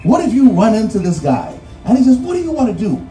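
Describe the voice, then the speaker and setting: An emphatic Bahamian man preaches his way through a graduation address, listing numbered points and repeating key phrases. His high voice swings hugely in pitch, he talks fast, and his tone is dark. The distant mic picks up roomy echo and faint music.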